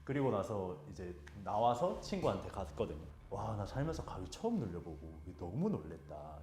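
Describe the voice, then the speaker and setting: A man of middle pitch tells a ghost story in a casual chat and swings his voice up and down with lively expression. He acts out the people in the tale as he goes. The room has a noticeable echo and a faint hiss. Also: normal speed. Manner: animated, acts out his friends' lines and his own shouting. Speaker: guest storyteller.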